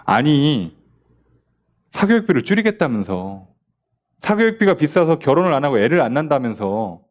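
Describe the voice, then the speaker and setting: A middle-aged male pastor teaches a Bible study in a chatty, questioning way. His voice sits somewhat high and moves a lot, rising and dropping as he acts out short quoted lines and throws rhetorical questions at his listeners. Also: big pitch swings, normal speed. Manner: conversational preaching with rhetorical questions and acted-out quotes.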